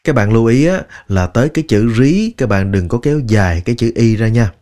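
A man teaching English pronunciation, drilling each word slowly and repeating it many times. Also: mid-range voice, animated, darkish tone. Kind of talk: slow, deliberate pronunciation lesson.

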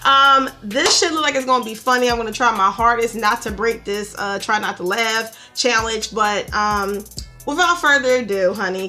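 A woman's voice: a little high, pushed and bright. A woman hosting a reaction video, talking casually in a sassy, profane way and calling viewers honey. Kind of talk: casual vlog intro.

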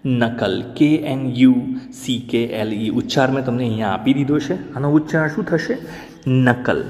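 Man spelling words out slowly in a reverberant room. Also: medium pitch, a little mellow. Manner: spells words out slowly letter by letter, asks learners questions. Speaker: English teacher. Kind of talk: spoken language lesson.

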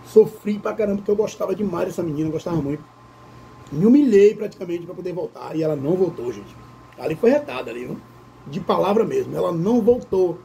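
A man chats animatedly with his viewers. His voice is high-pitched but dark, with a gravelly fry. A faint hum of the room sits in the background. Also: fast talker. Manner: animated, addresses viewers as "gente". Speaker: vlogger. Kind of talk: casual storytelling during a mukbang.

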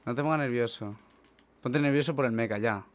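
A young man with a Spain Spanish accent, streaming a speedrun and talking to chat in nervous, swearing chatter, with bursts of frantic yelling. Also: mid-range voice, brisk. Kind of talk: live speedrun commentary. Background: game music.

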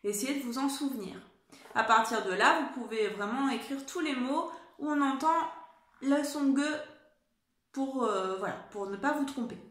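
A woman teaching a spelling lesson to young children at home, dictating slowly and carefully and encouraging them. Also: sits high, a bit bright. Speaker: primary school teacher. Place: room at home. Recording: echoey room.

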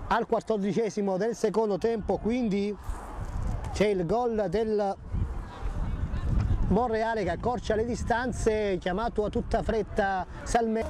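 A man with an Italian accent giving live commentary on a local football match in an excitable manner. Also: moderate pace, hardly any pauses. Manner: excitable, voice rising to shouts at key moments. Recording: noisy outdoor pitch-side recording.

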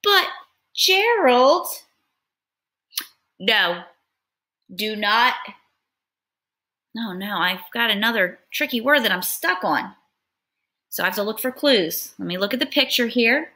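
A woman's voice: mid-range voice, sharp tone. A young woman teacher reading a picture book aloud in a patient, step-by-step lesson, sounding out words.

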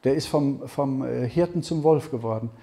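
A man giving a conversational Bible seminar talk, often checking in with the audience with a quick "ja?". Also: medium pitch, gravelly, dark tone. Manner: conversational, keeps asking "ja?". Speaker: Bible teacher. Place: seminar hall with audience questions.

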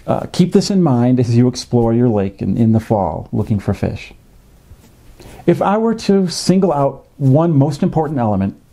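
Man, 50s, very dark mellow voice, middle pitch. Measured educator, lots of fillers, home office desk. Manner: measured, explanatory, with frequent uh fillers. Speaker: fishing educator. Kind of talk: educational narration. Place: home office with a desktop computer.

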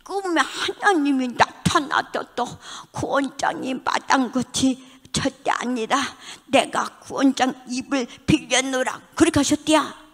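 Older deaconess, fervent testimony preacher, acts out dialogue, reverberant church hall. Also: female voice, high-pitched, measured pace. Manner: fervent preaching with shouted hallelujahs; acts out quoted dialogue in dramatic voices. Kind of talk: testimony sermon. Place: church sanctuary.

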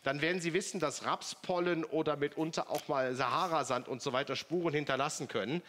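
A man gives a teleshopping product demonstration. His infomercial delivery is chatty and persuasive, often questioning the viewer, with clear noise behind him. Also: fairly high pitch, fairly quick, a bit bright.

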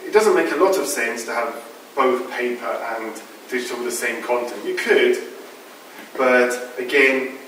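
A man's voice: mid-range voice, a little slow, a bit bright, a little hiss or hum. A middle-aged man giving an informal conference talk in a large lecture hall, explaining with frequent fillers. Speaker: conference presenter. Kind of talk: conference talk with audience questions. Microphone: far room mic, not using microphone. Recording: echoey hall from far off.

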